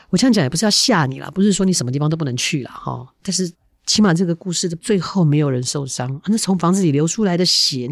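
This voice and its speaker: A middle-aged woman, a podcast host telling a spooky story in a chatty, lively way with asides to her listeners. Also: on the low side, no echo, clean studio sound.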